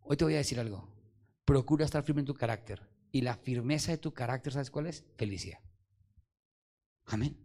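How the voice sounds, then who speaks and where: Pastor preaching with call-and-response. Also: male voice, mid-range voice, fairly quick, pauses often, dark tone. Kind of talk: sermon. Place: church service.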